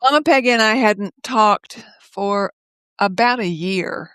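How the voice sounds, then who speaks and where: An older woman speaking as a guest over a video call from her home office, telling stories in a lively way, laughing often and acting out the voices of others. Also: mid-range voice, measured pace, smooth, no echo. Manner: lively, laughs often, acts out quoted speech. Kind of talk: casual conversational storytelling.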